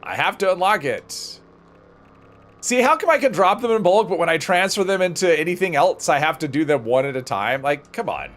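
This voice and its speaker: A man's voice: a little high, lively intonation, fairly quick, fairly bright tone. A man hosting a livestream, casually thinking aloud as he plays and rambling off into conversational asides. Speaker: livestream host.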